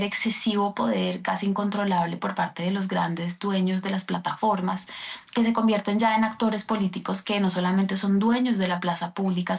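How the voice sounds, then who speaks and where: A woman guest answering an interview question on the news, thoughtful, pausing often with fillers. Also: medium pitch. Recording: dull lo-fi remote link.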